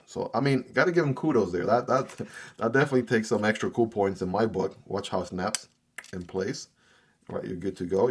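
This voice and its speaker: A man with a husky, somewhat low voice, a native Spanish speaker, gives a casual, upbeat unboxing review. As a product reviewer, he often adds "right?" to the end of his sentences.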